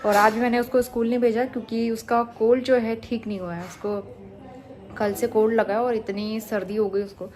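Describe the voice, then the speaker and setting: A woman's voice: on the high side, level tone, moderate pace. Chatty young woman vlogging at home. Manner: warm, homely and talkative, speaking to viewers and her child. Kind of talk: casual chatty vlog narration. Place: at home, indoors.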